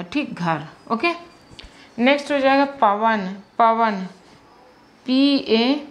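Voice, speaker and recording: A woman teaches a lesson in a somewhat high-pitched voice. She is patient, repeating words and spelling them out letter by letter.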